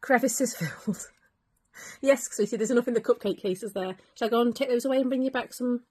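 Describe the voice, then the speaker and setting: A woman's voice: fairly high pitch, quick pace, warm tone. A middle-aged woman chatting casually with her son as they bake at home, teasing and encouraging him and laughing often. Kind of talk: casual family chat on camera. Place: bedroom at home turned into a kitchen.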